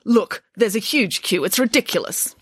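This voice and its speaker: A brash, greedy nanny, as a woman reading aloud puts her on, talking in a haughty, scornful way. Her voice sits a little high and swings widely in pitch. The sound is dry and close. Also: expressive, moderate pace, breathy edge, dry recording. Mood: imperious. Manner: haughty, indignant, grandly scornful. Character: brash greedy self-assured nanny, female adult.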